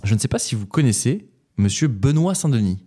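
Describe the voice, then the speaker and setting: A man's voice: medium pitch, big pitch swings, brisk, warm tone, breathy edge. A man hosting a casual round-table chat, teasing his guests and laughing often. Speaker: host.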